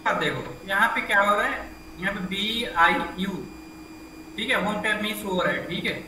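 In an online computer class, a man with a high voice explains at a moderate pace, one step at a time, putting questions to students and repeatedly saying "ठीक है". The sound is echoey, captured by a far-off room mic against a noisy background.

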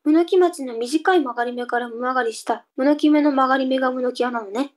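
Cheeky kid sister for comic reading drama, played by a woman: high, cute anime-girl voice, sulky edge. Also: fast talker, close to an everyday voice. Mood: cheerful.

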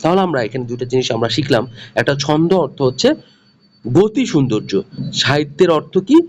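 A man's voice: medium pitch, very animated, fairly quick, darkish tone, lo-fi sound, slight background noise. A man with a Bangladeshi Bengali accent teaching for job exams, repeating key terms and asking and answering his own questions. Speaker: exam prep teacher. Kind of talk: lecture.

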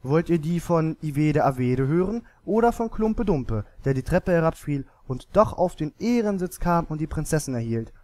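Kindly old storyteller, read by a man; gentle and coaxing, close and dry. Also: fairly high pitch, lively intonation, normal speed, hardly any pauses, no echo, close to an everyday voice.

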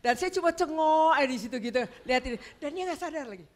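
An older woman giving a church talk, telling a personal story in an animated way and acting out what family members said. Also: high-pitched, fast. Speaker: guest speaker.

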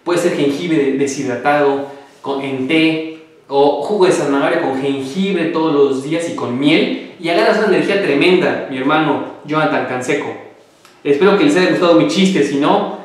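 A man's voice: a little high, normal speed. A man giving casual natural-health advice, chatty and joking as he answers viewers' questions. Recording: echoey room, voice from far off.

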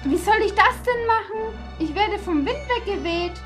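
A woman commentating a video game playthrough, excitable and quick to curse and shriek when frustrated. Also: extremely high pitch, over music. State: out of breath. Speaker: let's play gamer.

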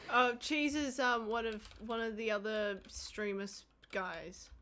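A woman with a very bright, rather high voice talks through live gameplay. She is casual and blunt, with plenty of swearing. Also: steady tone, slow, slight background noise. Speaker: video game streamer.

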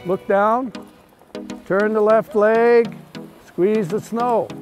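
Cheery middle-aged guy ski coach shouting encouragement on the hill, music behind. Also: high-pitched, steady tone, very slow. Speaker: ski instructor. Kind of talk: hands-on coaching. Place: outdoors on a ski slope.

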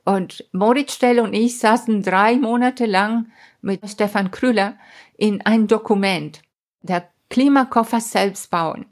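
Earnest woman explaining a science project. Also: medium pitch. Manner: earnest, explanatory, with emphatic asides like "ja?"; non-native grammar slips in German. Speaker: astrophysicist and science educator, podcast guest. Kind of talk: explaining in an interview.

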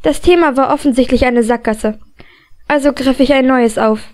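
A woman reading a first-person fantasy audiobook, asking questions in a lively, inquisitive way. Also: high voice, moderate pace. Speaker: audiobook narrator.

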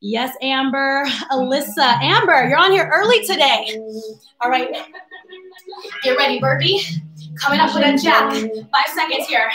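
High-voiced woman coaching a workout. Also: measured pace, long pauses, echoey room, far from the mic, poor audio. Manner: energetic motivating callouts and countdowns; sassy and playful. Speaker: fitness instructor. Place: home workout space. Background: workout music.

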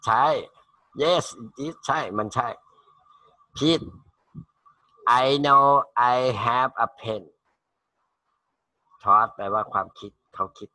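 A man's voice: medium pitch, animated, slow pace, bright, forceful tone, no echo. A man teaching English to school students in an online class, reading short English phrases and then translating and repeating them in Thai.

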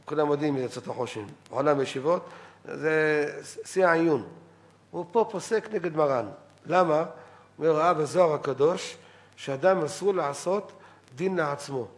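Animated rabbi giving a Torah lecture. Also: male voice, on the high side. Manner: animated, quotes others in acted voices, repeats words for emphasis. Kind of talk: Saturday-night halachic lecture.

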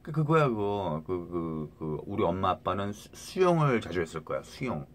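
A man's voice: deep voice, very animated, normal speed. A middle-aged man talking to viewers into a phone in a rambling casual monologue, restarting words and often asking "right?".

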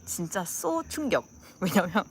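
A woman's voice: lowish voice, sing-song, measured pace, a little hiss or hum. A young woman with a Gyeongsang accent chatting casually with her viewers. She acts out dialect phrases and laughs often. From Gyeongsang region, South Korea. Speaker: channel host.

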